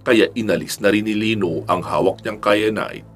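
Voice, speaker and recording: A man narrating an action-filled serialized story in a steady, even storytelling delivery. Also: lowish voice, normal speed. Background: faint background music.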